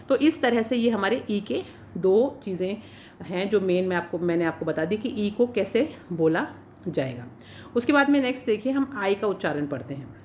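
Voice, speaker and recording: A woman's voice: medium pitch, slight background noise. A woman teaching an English pronunciation class in Hindi, patiently saying each example word and then its meaning. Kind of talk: spoken English lesson for Hindi speakers.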